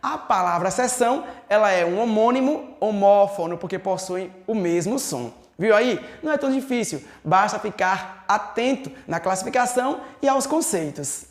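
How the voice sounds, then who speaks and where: A man's voice: high-pitched, animated, normal speed, few pauses. Brazilian guy teaching a prep class, quizzes himself then answers, echoey room sound. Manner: didactic, asks and answers his own questions. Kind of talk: recorded exam-prep lesson.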